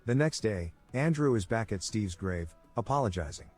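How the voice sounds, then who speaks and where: Man, scripted recap narration, steady even delivery, deep-ish voice. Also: normal speed, faint music behind.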